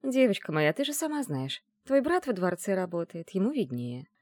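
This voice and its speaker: A woman reading the part of a caring, shrewd middle-aged witch mother in an audiobook, in a gentle, teasing way. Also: mid-range voice, very animated, moderate pace, dry recording, studio quality, voice pushed up. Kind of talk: audiobook character voice.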